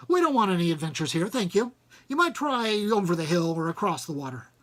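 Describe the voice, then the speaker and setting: Man playing a fussy, comfortable hobbit gentleman. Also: high-pitched, big pitch swings, fairly quick. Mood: huffy, polite. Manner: polite, chatty, dismissive of adventure.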